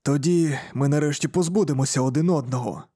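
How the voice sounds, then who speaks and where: A man voicing an eager, bloodthirsty male armored space warrior with a gruff manner. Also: fairly high pitch, fairly quick, dark tone, dry recording, clean studio sound.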